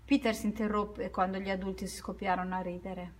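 A woman reading a children's story aloud at an unhurried pace, now and then correcting herself. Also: mid-range voice, flat delivery.

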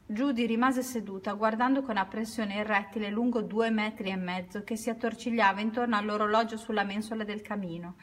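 A woman reads a children's story aloud in a mid-range voice. Her delivery is steady and unhurried, with small self-corrections along the way. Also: mid-range voice.

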